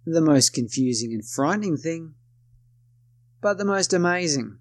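A man's voice: fairly high pitch, lively intonation, normal speed, over loud music. A man with an Australian accent narrating his own story in first person, wry and self-deprecating.

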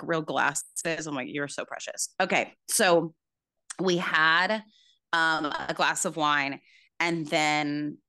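Woman, low voice, bright forceful tone, dry close sound, chatty storyteller. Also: no echo. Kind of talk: casual chat.

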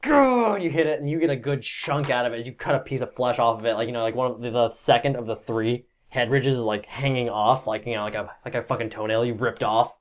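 A man's voice: mid-range voice, fairly even intonation, fast talker, few pauses. A man narrating a tabletop game as game master, loose and rambling, with plenty of swearing.

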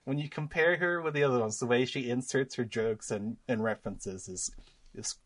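A man's voice: mid-range voice, normal speed, a bit bright. A man chatting casually as co-host, rambling with restarts and laughing often. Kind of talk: casual chat.

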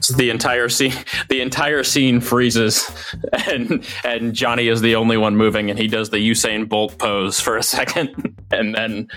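A man's voice: medium pitch, level tone, measured pace, a bit bright, soft background music. A man playing a tabletop role-playing game, chatty and often laughing as he describes his character's actions. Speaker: player. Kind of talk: casual tabletop play.

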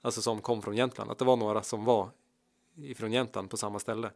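A man's voice: on the low side, little pitch movement, creaky. A man co-hosting a casual chat, telling a long anecdote and acting out the people in it. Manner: rambling storyteller, acts out quotes. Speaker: podcast co-host, musician.

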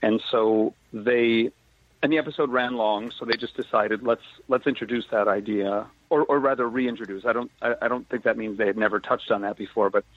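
Male actor guest, casual storyteller, lively asides, tinny phone-line audio. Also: mid-range voice, a little fast. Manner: animated, laughing, full of asides and quoted exchanges. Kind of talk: casual interview conversation.

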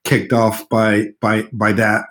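Interviewed casually at his countryside home, a sixty-something car designer from Morocco speaks with a mid-American-sounding accent. His voice sits on the low side, and he talks slowly, relaxed and hesitant with plenty of fillers, on a low-quality recording.

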